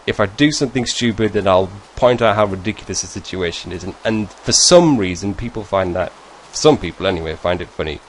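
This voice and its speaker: Low-voiced rambling British man. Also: animated, brisk, hardly any pauses, slight background noise, rough recording. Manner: rambling, self-deprecating, chatty. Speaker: YouTuber. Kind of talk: casual Q&A vlog.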